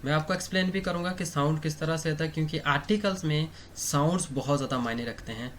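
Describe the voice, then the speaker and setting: A man's voice: on the high side, fast, a little hiss or hum. A man teaching English grammar in Hindi, asking questions and answering them himself, with frequent "okay" and "theek hai" as he writes on a board. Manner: writes on a board while he talks. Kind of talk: explanatory online lesson.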